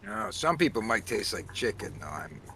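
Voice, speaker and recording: Bright, lively man teasing on a stream. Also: on the low side, moderate pace, a little hiss or hum. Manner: teasing, playful quips. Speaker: co-player on a gaming stream. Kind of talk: casual gaming chat.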